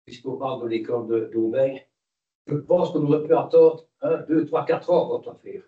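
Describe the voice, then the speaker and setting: A man's voice: medium pitch, moderate pace. A man speaking as a council member, raising hesitant objections, heard from a distance in a roomy, dull recording. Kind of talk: council debate.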